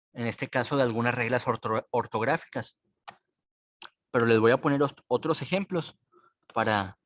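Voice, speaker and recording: Male teacher, unhurried and patient, mid-pitched voice, dry close recording. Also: dry recording. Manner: slow, patient, repeats words for clarity. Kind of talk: recorded online class explanation.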